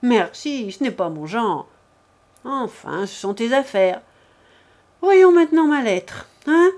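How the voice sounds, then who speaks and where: A brash, gossiping servant woman, as a female narrator puts her on in a storybook reading, her voice lifted higher and louder than the telling around it and her words slow. She teases and mocks with a knowing edge. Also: sing-song. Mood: teasing. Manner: brash, teasing.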